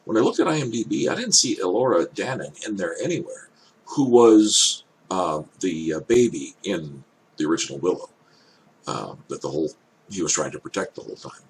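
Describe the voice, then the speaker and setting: Older man's deep, elderly-sounding voice, musing. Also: expressive, poor audio. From Canada. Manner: musing, hesitant, thinks aloud in halting phrases. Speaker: reaction video host. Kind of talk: casual off-the-cuff commentary. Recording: clear background noise.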